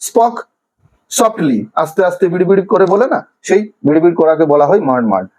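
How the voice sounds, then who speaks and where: High-voiced man teaching word by word. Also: very animated, a little mellow, poor audio. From Bengal. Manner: slow, drawn-out pronunciation of each word by syllables. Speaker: primary school English teacher. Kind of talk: classroom lesson explaining vocabulary.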